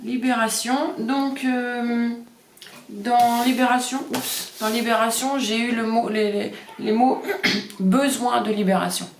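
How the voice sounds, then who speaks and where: Speaking slowly in a fairly high, steady voice, a woman gives an informal card reading, hesitating, using lots of fillers, and echoing the card words. The room is echoey, with a little hiss or hum in the recording.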